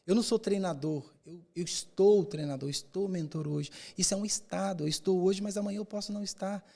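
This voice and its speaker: Guy with a gravelly kinda higher voice, speaking coach on a podcast, punchy rhetorical talk that repeats words. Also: brisk, mellow. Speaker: public speaking mentor. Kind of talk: podcast interview.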